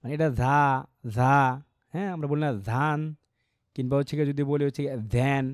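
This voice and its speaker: A man teaching an online English pronunciation class, explaining patiently and modeling phrases slowly with strong word stress. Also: medium pitch, steady tone, dry recording, clean studio sound. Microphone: computer mic on a video call.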